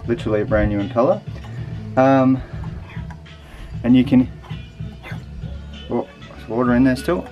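A man's voice: mid-range voice, measured pace, long pauses, lo-fi sound, soft background music. Man casually explaining boat engine repairs. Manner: relaxed, matter-of-fact, hesitant with ums. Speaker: sailing vlogger. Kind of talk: casual how-to narration. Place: aboard a sailboat, engine bay and deck outdoors. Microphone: handheld action camera.

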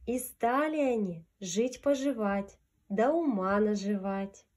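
A woman's voice: medium pitch, animated, takes it slowly, darkish tone. A woman reading a fairy tale aloud to young children in a sing-song storyteller's manner. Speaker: children's storyteller fronting a puppet.

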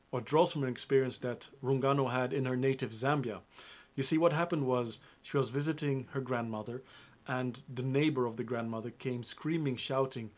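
Young male web presenter, emphatic and upbeat, close mic. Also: medium pitch. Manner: upbeat, emphatic, addresses viewers directly. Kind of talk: scripted film review to camera.

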